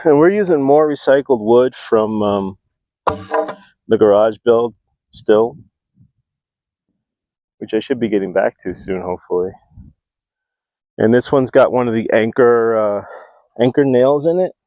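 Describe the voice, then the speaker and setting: Breathing heavily as he builds outdoors on his homestead, a vlogger talks casually and thinks aloud, using lots of fillers and long pauses. His medium-pitched voice is dark and a little slow, caught by a close clip-on mic with no room sound and dull audio.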